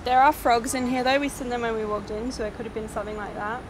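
Young woman, paranormal vlog host, casual and chatty, slightly high voice, outdoor night recording with audible background noise. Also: little pitch movement, fast. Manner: chatty, reading out names from headstones.

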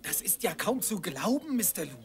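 A man's voice: high-pitched, sing-song, moderate pace, vocal fry, exaggerated voice. A man voicing an inquisitive, admiring, bookish journalist who speaks formally in a dubbed cartoon. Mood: eager, curious. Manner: formal, eager questioning. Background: music.

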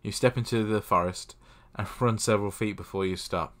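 A young man casually playing a text adventure, reading the game's text aloud and adding deadpan, self-mocking asides at a desk mic. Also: fairly low pitch, fairly quick. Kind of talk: casual let's-play commentary.

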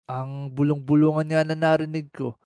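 Filipino guy in minecraft rp, teasing buddy talk, kinda high voice, dry close mic. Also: clear, resonant tone, dry recording. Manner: teasing, calls partner boy, fast calming patter. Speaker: Minecraft roleplay player. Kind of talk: casual Minecraft roleplay banter.

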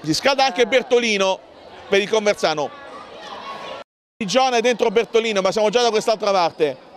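A man giving excitable live handball commentary, calling out names and plays in bursts. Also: high voice, normal speed, some chatter behind, a little hiss or hum. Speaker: sports commentator.

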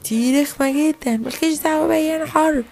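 A woman's voice: high-pitched, quick pace, darkish tone. A woman with an Egyptian accent voicing a stubborn, defiant young boy in a toy play video. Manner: defiant, sulky.

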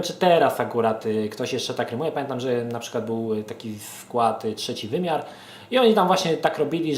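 A man's voice: mid-range voice, roomy sound. A man who raps as a hobby, giving casual tips to his viewers, with many filler sounds and restarts, often calling them dear ones. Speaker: amateur rapper and vlogger running a verse contest. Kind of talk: casual advice monologue to viewers.

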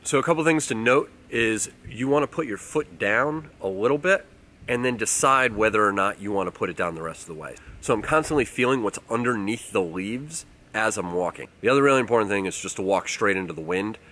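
A man, casually explaining outdoor tips to the camera in a relaxed way, recorded outdoors in a forest. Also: lowish voice. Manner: relaxed, explanatory, uses fillers like um and like. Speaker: outdoors channel host. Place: outdoors in a leafy winter forest.

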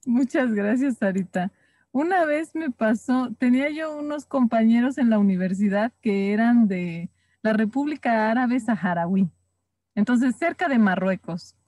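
A woman leading a Bible study group, calmly and thoughtfully telling a reflective story from her university years. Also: on the high side, unhurried, no echo. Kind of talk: reflective anecdote in group discussion.

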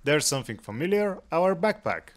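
Calm man narrating a cat hike. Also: a little high, moderate pace. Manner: dry, gently humorous.

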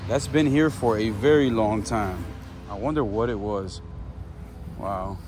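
Music plays behind this man's lowish, slightly slow voice as he hosts a travel vlog around a small town, chatting easily and sounding amazed by the sights. Traffic and ambient sounds make the outdoor recording noisy.

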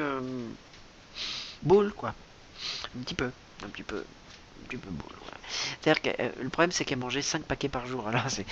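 In a lo-fi recording with faint hiss, a comic vlogger with a mid-range, fairly bright voice delivers a mock-serious improvised monologue. He rambles, stammers and repeats himself for comic effect.

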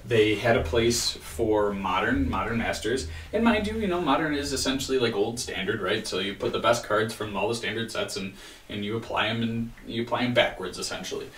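A man in his thirties giving a casual, rambling video-diary rant, weary and frustrated, with halting restarts. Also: fairly low pitch, fairly even intonation, a bit bright, slight background noise. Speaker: vlogger. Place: small home room with bookshelf, indoors. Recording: roomy echo, distant microphone.

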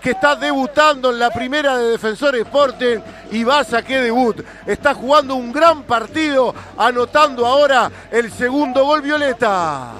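A man's voice: very high voice, moderate pace, hardly any pauses, sharp tone. A Uruguayan man giving emphatic colour commentary on a live radio football broadcast.

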